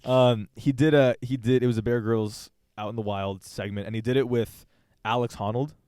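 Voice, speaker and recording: A man's voice: medium pitch, steady tone, normal speed, a little mellow, smooth, no echo. Young male podcast co-host, eager rambling storyteller, plain mid voice, dry mic. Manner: enthusiastic storyteller, repeats himself. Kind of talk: casual chat.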